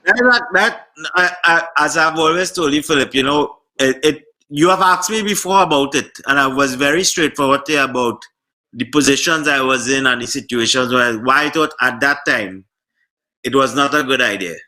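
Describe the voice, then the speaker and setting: A Trinidadian man appearing as a talk show guest. His voice is bright and forward, with a mid-range pitch. He speaks earnestly and from the heart, stumbling a little as he goes. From Trinidad and Tobago. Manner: earnest, heartfelt, slightly halting. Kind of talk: casual political chat.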